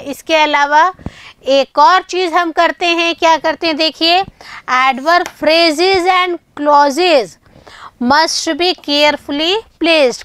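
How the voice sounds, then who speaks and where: A woman with a high voice teaches English grammar, talking to her students as children and asking questions she answers herself. She reads English lines out slowly and carefully. The sound is dry and close. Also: a bit bright, no echo. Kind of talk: online grammar lesson.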